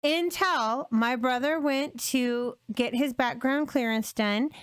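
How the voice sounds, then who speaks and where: A woman's voice: high-pitched, takes it slowly, clear, resonant tone, no echo. A woman co-hosting a podcast, telling family stories in a candid, chatty way with frequent restarts. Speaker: podcast co-host. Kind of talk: casual chat.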